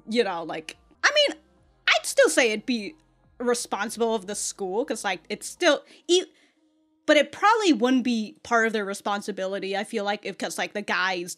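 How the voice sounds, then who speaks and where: An American woman with a medium-pitched, fairly bright voice hosts a reaction video, commenting casually and unscripted in an informal, emphatic style full of swearing.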